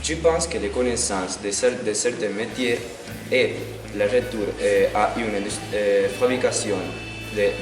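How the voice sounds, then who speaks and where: A low-voiced man from Italy, whose first language is Italian, answers halting and full of fillers. He is far from the mic in an echoing hall, with music playing behind. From Italy, Sardinia. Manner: halting, many fillers and restarts. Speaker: interviewee. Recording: distant, echoey hall with music.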